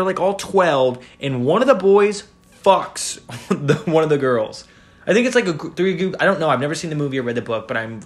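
A man in his twenties co-hosting a podcast, rambling and swearing in casual chat with lots of fillers. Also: mid-range voice. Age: 20s. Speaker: podcast co-host.

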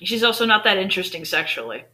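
Woman, dry quick remarks, bright tense voice. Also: medium pitch, sing-song. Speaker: podcast co-host. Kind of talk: casual chat.

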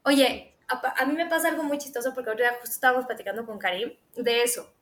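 A woman's voice: a little high, quick pace. A woman with a Mexican Spanish accent chatting casually as a podcast co-host, acting out her own quotes as she tells stories. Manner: animated storyteller, acts out her own quotes. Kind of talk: casual chat.

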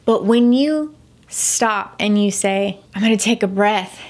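A woman's voice: mid-range voice, measured pace, a little mellow. A middle-aged woman hosting a devotional podcast, telling a personal story in an earnest way and animating the voices of herself and her son. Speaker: podcast host.

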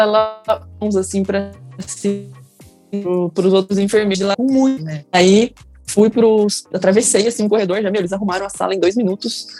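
A woman's voice: mid-range voice, a little mellow. A young woman with a Brazilian Portuguese accent telling her birth story in casual talk, emotional and acting out the people she quotes. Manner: emotional, acts out quoted people in raised voices.

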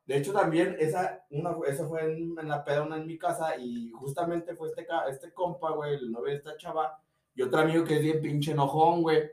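A man with a Mexican accent and a rather high voice tells party stories in loose, slangy chat. He sits back from the mic in a room that rings with echo. His talk is casual and full of filler words. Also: steady tone, fairly quick, darkish tone, recorded from a distance. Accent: Mexican Spanish. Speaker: podcast co-host. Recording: echoey room, voice a bit off-mic.

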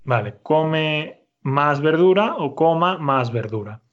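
Male language teacher, patient and clear, a bit high-pitched, muffled recording. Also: animated. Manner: patient, slow and clear, repeats answers. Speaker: Spanish teacher. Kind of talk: conversational language lesson.

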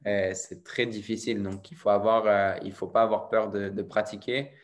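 A man's voice: on the low side, little pitch movement, moderate pace. A man from France who teaches French, talking casually and explaining his views with frequent restarts. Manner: thoughtful, explaining with many restarts. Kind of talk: casual conversation.

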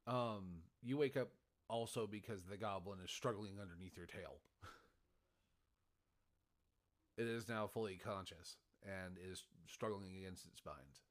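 Man game master, low voice, rambling, self-correcting, laughs a lot. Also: unhurried, long pauses, a bit bright. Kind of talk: running a tabletop game.

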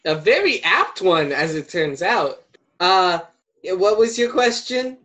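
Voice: mid-range voice, very animated, takes it slowly, a bit bright. A player in a tabletop game, speaking wryly with hesitations.

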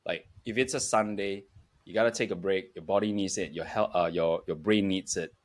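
As a podcast guest, a man with a fairly low voice speaks reflectively in an interview. He advances in short, halting phrases, pausing while he gathers his thoughts.

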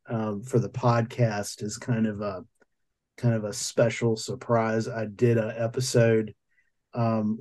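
Mellow-voiced man hosting a podcast chat. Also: mid-range voice. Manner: rambling, hesitant with many fillers. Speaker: podcast host. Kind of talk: casual chat.

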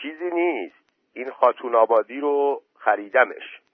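A man's voice: medium pitch, expressive, dry recording, pitched above the performer's own voice, close to an everyday voice. A man voicing a stubborn village man who refuses everyone, recorded dry through a phone-like line. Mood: defiant. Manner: defiant, stubborn. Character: stubborn young village man, fond of a dog.

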